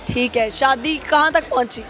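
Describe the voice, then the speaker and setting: A woman hosting a casual comedy chat, hoarse-voiced, with a teasing, playful way of questioning. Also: sits high, moderate pace, over music, crowd noise. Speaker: host.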